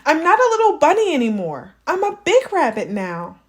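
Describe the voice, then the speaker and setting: A woman's voice: sits high, wildly swooping pitch, moderate pace, pitched above the performer's own voice. A woman voicing an eager, insistent little boy rabbit, pleading and defiant, in a children's storybook.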